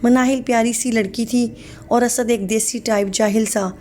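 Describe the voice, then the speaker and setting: A woman's voice: a little high, steady tone, a little mellow. A woman reading a sad story aloud as scripted narration, voicing every part in one plain voice.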